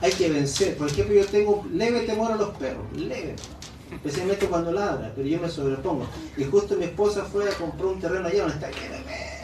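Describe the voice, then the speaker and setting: A man's voice: sits high, a little fast. A man pastor preaching a sermon in a conversational way, checking in with his listeners. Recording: echoey room from a distance with background noise.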